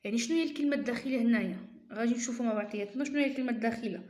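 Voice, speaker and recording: Woman teacher, Moroccan accent, patient step-by-step explainer, fairly high voice, roomy echo. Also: racing, darkish tone. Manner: explains step by step, repeating key terms. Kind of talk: explaining a lesson.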